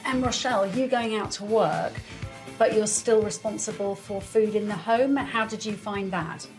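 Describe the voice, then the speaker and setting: A woman presenter interviewing a family, asking clear, inquisitive questions. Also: mid-range voice, moderate pace, over music.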